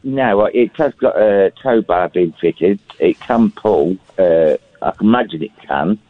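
A man's voice: sits low, expressive, a little slow, no echo. A man on a phone line, chatting in a jokey, storytelling way on a phone-in show. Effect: heard over a phone line. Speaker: caller. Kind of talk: casual phone-in chat. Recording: dry, tinny phone line.

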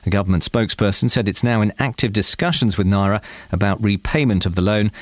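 A man's voice: lowish voice, fairly even intonation, fast talker, no room sound. A man with a British accent delivering a scripted radio news report.

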